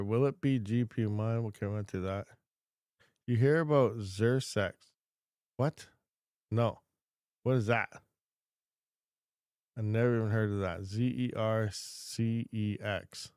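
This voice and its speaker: A man's voice: fairly low pitch, darkish tone, dry recording, clean studio sound. A man hosting a casual livestream Q&A, rambling and reading chat questions aloud from a home desk. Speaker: crypto mining channel host.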